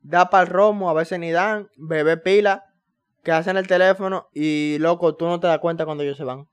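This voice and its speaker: A man's voice: fairly high pitch, steady tone, moderate pace, clean tone. A man with a Dominican Spanish accent, co-hosting a podcast in laid-back, joking casual chat full of slang. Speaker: podcast co-host.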